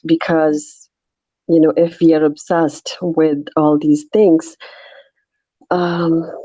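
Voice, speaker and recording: A woman with a North Indian accent speaking haltingly as she shares her reflections in an informal scripture discussion. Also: sits low, flat delivery, mellow, no room sound, poor audio. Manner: halting, searching for words. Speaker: discussion participant.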